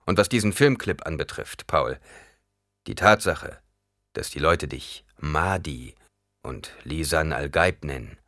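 A man reading an audiobook, voicing a weary, fatalistic noble duke who speaks gravely to his son. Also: rumbling low, animated, a little slow, pushed and bright, dry recording, clean studio sound, exaggerated voice.

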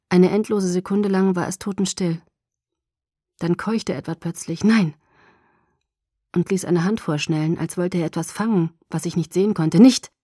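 A woman narrating a novel in the first person with a dramatic, expressive reading. Her voice sits rather low. The sound is close and dry, with no room around it. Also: no echo. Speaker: audiobook narrator.

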